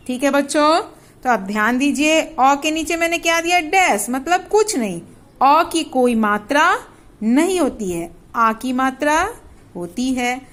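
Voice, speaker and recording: Very slow high-voiced woman teacher. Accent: Bihari Hindi. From India. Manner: slow, drawn-out, sounding out each letter; asks the children questions and answers them herself. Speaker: primary school teacher. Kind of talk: online Hindi alphabet lesson for young children.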